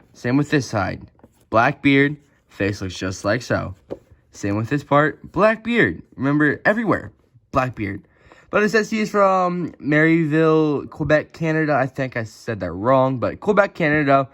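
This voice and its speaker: A man's voice: mid-range voice, a bit bright. Chatty man reviewing toys, filler-heavy. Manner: critical, picky about flaws. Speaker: toy reviewer. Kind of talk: casual unboxing review.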